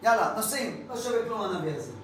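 A man's voice: sits high, sing-song, slight background noise. Man doing a huffy proud army commander. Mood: indignant. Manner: indignant, huffy exclamations. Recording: echoey room, mic far off.

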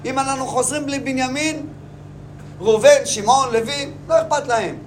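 A man's voice: very high voice, slight background noise, voice pushed up. A man voicing Judah, a proud, indignant brother who pleads earnestly and insistently.

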